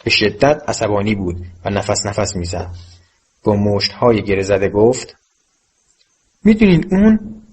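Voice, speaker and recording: A male audiobook narrator with a low voice and a husky, slightly breathy grain. He reads in a steady, measured way and keeps an even pace through the passages.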